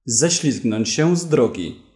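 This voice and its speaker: A man reading a vocabulary list and a story aloud for language learners, in a plain, deliberate way. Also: medium pitch, expressive, a little mellow. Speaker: narrator and vocabulary reader. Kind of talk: slow language-lesson reading. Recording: roomy echo.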